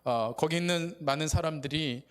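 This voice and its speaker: A male pastor preaching at a Friday evening service in an easy, conversational way, retelling the story with many pauses and fillers. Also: fairly high pitch, a bit bright, clean tone. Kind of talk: sermon.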